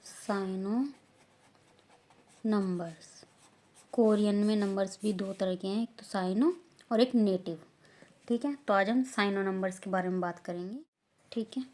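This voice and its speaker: An Indian woman teaching a language class with slow, deliberate explanations, stressing each syllable loudly in repetition drills. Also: medium pitch, steady tone.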